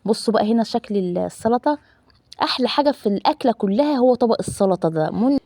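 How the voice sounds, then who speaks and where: Animated and quick, a woman in her thirties with an Egyptian Arabic accent chats casually while narrating her cooking for her family vlog, calling viewers loved ones and using frequent fillers. Her voice is a little high with a dark tone, and the studio-quality recording has no room sound.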